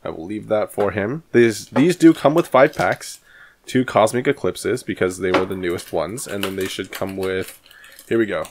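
A man in his thirties talks through an unboxing in a loose, rambling way, often restarting his sentences. His voice sits on the low side. He speaks into a studio microphone in a small room at home, with a faint hiss underneath. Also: moderate pace. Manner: chatty, rambling, with many fillers and restarts. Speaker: card collecting channel host. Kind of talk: casual vlog and pack opening. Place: small home room with shelves of collectibles, indoors. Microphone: studio microphone on arm in front of him.

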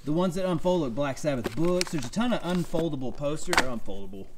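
A chatty man in his thirties with a Texan drawl and a slightly high voice, talking straight to camera. He rattles along excitedly, pointing things out with constant "y'all" and "look." A faint hiss sits under the recording. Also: quick pace. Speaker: storage unit reseller vlogger. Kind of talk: casual chat to camera. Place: home room, then cluttered garage indoors.

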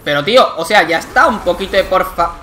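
A young man from Spain with a Spanish accent, commenting live on his gameplay, excitable and swearing often in frustrated outbursts. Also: high-pitched, fast, a little hiss or hum. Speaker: gaming youtuber.

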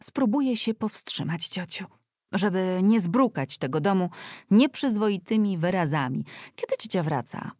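A woman's voice: mid-range voice, animated, moderate pace, a little mellow, dry recording, close to an everyday voice. A woman reading an audiobook voices a young nobleman who speaks politely but with dry irony. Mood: wry. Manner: dry, ironic, politely joking. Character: young nobleman, wry and easygoing.

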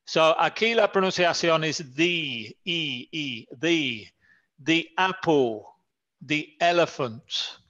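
A man whose first language is English, teaching an English grammar lesson in Spanish, slowly and carefully repeating example words for his student. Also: fairly high pitch, animated, a bit bright. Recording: slightly dull lo-fi sound.

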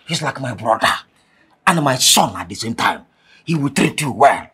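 A man with a Nigerian accent playing a loud, scolding landlord in a comedy skit. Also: normal speed, slightly rough. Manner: loud scolding, animated swings in pitch. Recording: music bed under the voice.

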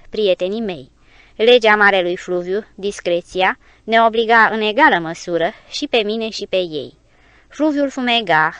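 A woman narrating an audiobook adventure tale in measured, expressive storytelling. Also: mid-range voice, clear, resonant tone, no echo.

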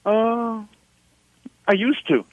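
A man from Sweden in his fifties, a musician being interviewed on the radio, talking hesitantly and restarting phrases as he warms up about records. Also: sits high, very slow, no room sound, phone-quality sound. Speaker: musician guest. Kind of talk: radio interview over the phone.

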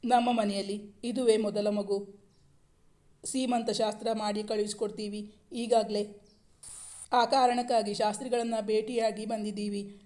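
A woman's voice: medium pitch, little pitch movement, unhurried, long pauses, dark tone, close to an everyday voice. A woman reading polite traditional in-laws. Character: bride's parents, polite and traditional.

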